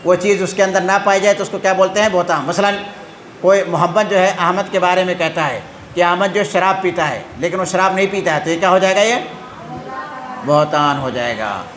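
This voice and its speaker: High-voiced man teaching in an echoey room. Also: fairly even intonation, a bit bright, a little hiss or hum. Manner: constantly asks questions and answers them himself, tagging "hain?". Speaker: Islamic teacher. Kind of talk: religious lesson quizzing listeners.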